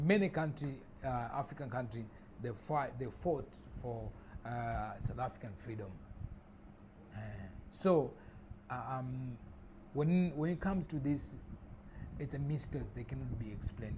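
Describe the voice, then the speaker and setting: A man giving casual spoken commentary, halting and restarting often with many fillers. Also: medium pitch, a little mellow. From Tanzania. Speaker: vlogger. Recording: noisy background ambience.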